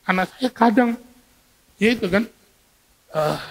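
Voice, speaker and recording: A man preaching a sermon to a congregation, lively and questioning, acting out everyday scenes to make his point. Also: high voice, unhurried, creaky. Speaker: pastor. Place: church hall. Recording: long hall reverb from a church.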